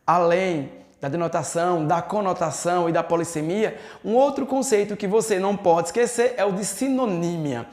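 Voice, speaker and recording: A man's voice: high voice, moderate pace, a little mellow. A Brazilian man teaching a recorded exam-prep lesson, who poses questions to himself and then answers them. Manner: didactic, asks and answers his own questions. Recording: echoey room.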